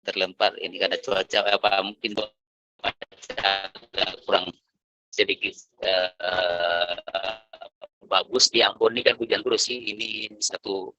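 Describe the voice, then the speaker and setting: A man's voice: low-pitched, fairly even intonation, bright, forceful tone, slight background noise. Man on a choppy, breaking-up video call. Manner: measured, hesitant with many fillers. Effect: choppy, breaking-up online connection. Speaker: regional education office head. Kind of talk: formal webinar remarks. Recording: dull, dry video-call audio that cuts out.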